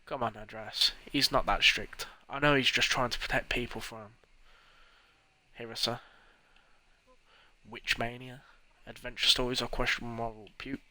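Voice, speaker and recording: A man's voice: medium pitch, fairly even intonation, moderate pace, pushed and bright. Friendly village printer, as a man reads him. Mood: neighbourly.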